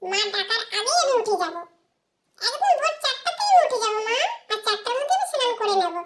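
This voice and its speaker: A woman's voice: very high-pitched, big pitch swings, brisk, heavy background noise, voice pushed up. A woman voicing a small cheeky boy in a playful home role-play, babyish, giggly and clingy with his mother. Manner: babyish, giggly, calling out and teasing.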